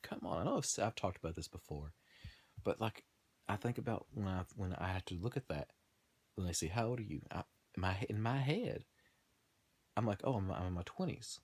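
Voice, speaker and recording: A man's voice: low-pitched, expressive, a little fast, darkish tone, no echo. A man in his thirties talking in a rambling, casual monologue, trailing off, restarting and laughing at himself. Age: 30s. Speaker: gaming video host.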